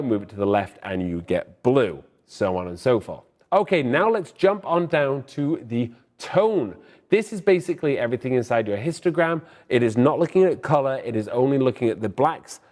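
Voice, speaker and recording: A man's voice: mid-range voice, a little mellow. Young guy rattling thru a photo editing tutorial, kinda out of breath, upbeat, medium voice. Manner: brisk, upbeat, opinionated tips. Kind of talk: fast screen-recorded software tutorial.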